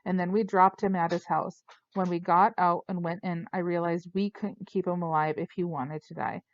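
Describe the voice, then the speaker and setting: A woman giving steady first-person audiobook narration. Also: fairly low pitch, moderate pace, dry recording. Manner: steady, storytelling. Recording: dull lo-fi dry recording.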